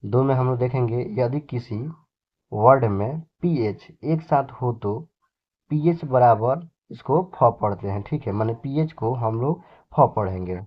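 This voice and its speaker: Man teaching slowly, slightly muffled recording. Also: mid-range voice. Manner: explains slowly, repeating words and adding a check at the end of lines. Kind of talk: classroom-style lesson.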